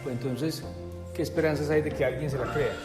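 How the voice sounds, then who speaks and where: A man's voice: fairly high pitch, fairly even intonation, brisk, in a large hall, loud music behind the voice. A man telling a personal story in a rambling way, full of filler words, as an interview guest. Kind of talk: conversational storytelling.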